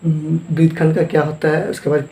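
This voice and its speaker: A man's voice: fairly high pitch, completely flat delivery, a little fast, vocal fry, mellow. Male math teacher with a Jharkhand Hindi accent, repeats terms and quizzes himself, recorded in a roomy space. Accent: Hindi-speaking eastern India, Jharkhand. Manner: asks questions and answers them himself, repeating terms. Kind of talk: classroom lesson at a board. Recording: echoey room.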